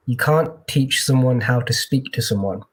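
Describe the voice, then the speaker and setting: A man's voice: medium pitch, normal speed, breathy edge. A man working as a tech recruiter, chatting casually in an interview with lots of fillers and restarts, heard over a video call.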